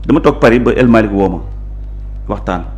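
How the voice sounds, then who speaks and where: Speaking a little fast in a fairly low, animated and slightly mellow voice, a local politician with a Senegalese accent lays out his positions with emphasis. He's the guest in a conversational interview conducted in a blend of Wolof and French.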